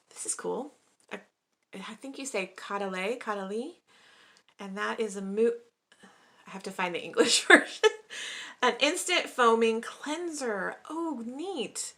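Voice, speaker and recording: Upbeat young female vlogger, bright voice, relaxed unboxing chat. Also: fairly high pitch, a little slow, creaky, pauses often. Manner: chatty, upbeat, often says she is excited.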